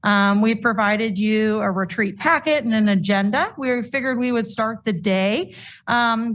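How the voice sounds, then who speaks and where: A woman informally facilitating a meeting, speaking hesitantly with frequent pauses. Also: fairly high pitch, a bit bright.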